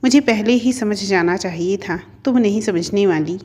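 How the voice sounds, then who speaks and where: A woman's voice: medium pitch, moderate pace, darkish tone, natural voice. A woman voicing a hurt young husband. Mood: reproachful. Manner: defensive, reproachful. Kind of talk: storybook narration.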